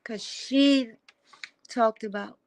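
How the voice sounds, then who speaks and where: A woman rambles slowly through a story, often backing up to retell it. Her voice is gravelly and a little high. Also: darkish tone. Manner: rambling, with frequent restarts and acted-out quotes. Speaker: vlogger. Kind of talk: casual storytelling to camera.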